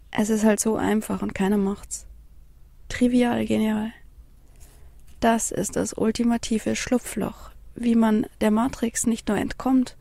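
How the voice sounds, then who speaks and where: A woman reciting her own spiritual text in a slow, dreamy, incantatory way, often dropping into a gravelly whisper. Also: a little high, dark tone, dry recording. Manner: slow, dreamy, incantatory, mixing in English phrases.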